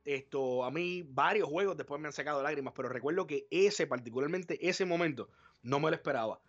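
A man co-hosting a live podcast, animated and profane, acting out his reactions. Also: a little high, fairly quick, highs cut off. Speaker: podcast co-host. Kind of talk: casual live podcast chat.

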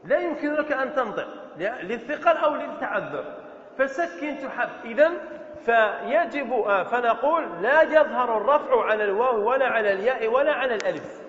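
An Islamic scholar with an extremely high, expressive, fairly bright voice teaches an Arabic grammar lesson on a grammar verse to students in a lecture hall. He explains slowly, stretching and repeating words, drawing out vowels, and answering his own questions. The recording is dull and echoey.

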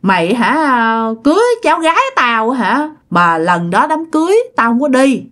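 Woman playing a gruff older uncle-exorcist, lower voice, blunt and folksy, Southern Vietnamese accent, spoken ghost story. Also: expressive, moderate pace, a bit bright. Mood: jovial.

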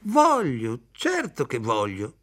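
A man's voice: mid-range voice, huge pitch swings, slow, fairly bright tone, exaggerated voice. Man reading a pleading drunk young man. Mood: insistent.

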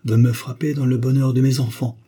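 A man reading a novel aloud, voicing a cold, commanding noble duchess in a raised, forceful voice. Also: medium pitch, level tone, fairly quick, husky, voice pushed up, lightly acted. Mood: somber. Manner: stern, commanding, solemn. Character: imperious cold-hearted noble duchess, woman. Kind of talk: audiobook character voice.

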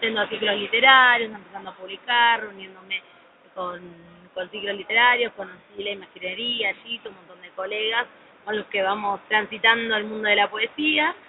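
A woman, a poet, answers interview questions in an earnest, lyrical way. The sound is thin and phone-like. Clear background noise runs underneath. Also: mid-range voice, fairly quick. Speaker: poet guest. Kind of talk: casual interview.

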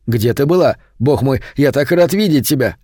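A man's voice: mid-range voice, lively intonation, moderate pace, dark tone, no echo, studio quality, close to an everyday voice. A man reading an audiobook, voicing a frightened young man in love who speaks anxiously. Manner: anxious, pleading.

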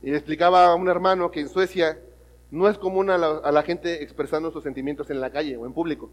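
A man preaching a sermon, telling a story and swinging from loud emphatic lines to hushed ones. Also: a little high, steady tone, fast, muffled recording. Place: church hall. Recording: long reverb of a church hall.

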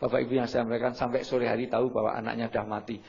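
A middle-aged man lecturing an audience, lively, acting out shouted examples and often apologizing politely. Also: medium pitch, very fast, husky. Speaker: seminar speaker. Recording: muffled lo-fi recording.

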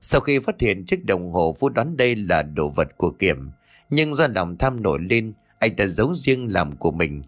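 A man narrating an audiobook story in steady scripted storytelling. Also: low-pitched, moderate pace.

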